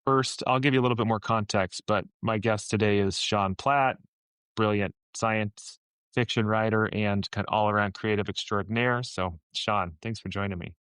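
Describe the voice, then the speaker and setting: Low-voiced male podcast host. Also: steady tone, moderate pace, a bit bright, clear, resonant tone, dry recording, low-quality recording. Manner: earnest, conversational, with restarts. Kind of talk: podcast interview.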